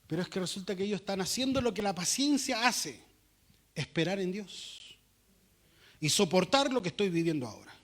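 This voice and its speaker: Chilean male pastor, high-pitched, animated sermon delivery with acted-out dialogue. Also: normal speed. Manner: animated preaching with acted-out quotes.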